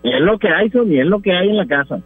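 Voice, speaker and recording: A man's voice: high voice, fast, a loud crowd. A Mexican man calling in over the phone, teasing the host in casual, joking chat. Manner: relaxed, teasing. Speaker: caller. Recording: dull phone line.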